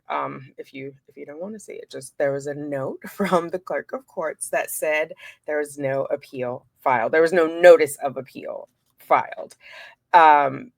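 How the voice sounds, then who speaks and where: A woman's voice: low voice, vocal fry, no echo. A woman doing casual true crime commentary for her viewers, chatty and informal, breaking off into asides as she walks through documents.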